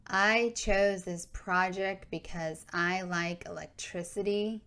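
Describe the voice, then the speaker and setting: A woman's voice: lowish voice, fairly even intonation, takes it slowly, a bit bright, smooth. A woman voicing a shy, whining fifth-grade girl who hesitates over her words in a spoken memoir. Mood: whiny, reluctant.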